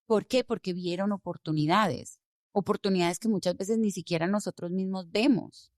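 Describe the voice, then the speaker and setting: A woman from Colombia, an immigration lawyer, speaking as a guest in a podcast interview, telling her story with animated emphasis. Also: mid-range voice, moderate pace, no echo, clean studio sound.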